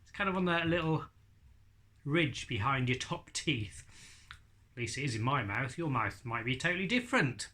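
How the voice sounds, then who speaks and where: A man's voice: medium pitch, animated, normal speed, bright, forceful tone. A man in his forties giving an informal spoken tutorial, explaining and demonstrating speech sounds as a ventriloquism teacher. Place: living room with bookshelves and leather sofa.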